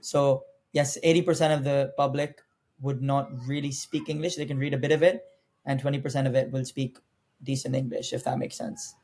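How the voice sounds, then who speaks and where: A young adult man from Pakistan, whose first language is Urdu, appears as a guest on a casual podcast interview, talking energetically and persuasively about careers. A former international student, he speaks fairly quickly at medium pitch and addresses viewers directly.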